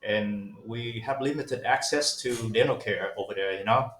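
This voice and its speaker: A man's voice: on the low side, normal speed, fairly bright tone. Hesitant man, roomy sound. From Vietnam. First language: Vietnamese. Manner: hesitant, many fillers and restarts. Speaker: guest dentist. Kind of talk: casual interview talk.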